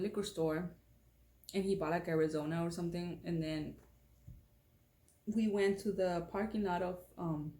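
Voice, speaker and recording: Young woman vlogger rambling through a storytime, low mellow voice, roomy echo. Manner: rambling, candid storytelling with many fillers. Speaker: beauty vlogger. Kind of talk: casual storytime vlog. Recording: echoey room.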